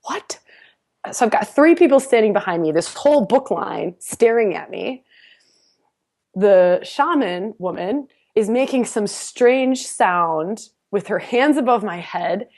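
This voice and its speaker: A woman guest on a podcast, telling a personal story in a casual, animated way, often laughing and restarting her sentences. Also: mid-range voice, measured pace.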